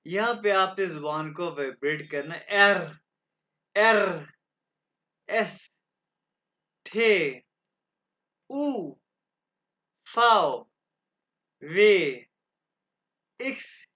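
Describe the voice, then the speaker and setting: A man from Pakistan teaching a German class online, drilling letters slowly and clearly. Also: on the high side, a bit bright. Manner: slow, drawn-out letter drills. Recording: dull lo-fi call audio.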